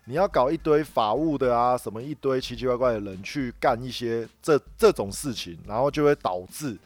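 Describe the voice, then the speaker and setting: A man with a Taiwanese Mandarin accent chats on a podcast at a mid-range pitch. He rambles and repeats his words as he talks, and the recording is dry and close. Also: fairly quick, no echo. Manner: rambling, repeats words while telling a work story. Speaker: podcast co-host. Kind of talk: casual chat.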